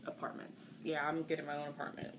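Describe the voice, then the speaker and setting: A woman's voice: sits low, completely flat delivery, brisk. Chatty young woman, noisy home recording. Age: 20s. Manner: chatty, rambling, with fillers. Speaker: vlogger. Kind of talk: casual chat.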